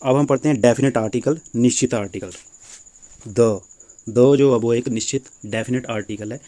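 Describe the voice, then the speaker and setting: Patient male teacher, mellow voice. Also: medium pitch, normal speed. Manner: patient, repeats points and asks rhetorical questions. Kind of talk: explaining English grammar lesson.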